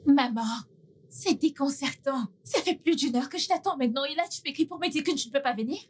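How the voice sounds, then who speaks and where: A woman playing an irritable, sharp-tongued young woman in dubbed film dialogue, with snappy questioning. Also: high voice, brisk, a little hiss or hum, natural voice. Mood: annoyed.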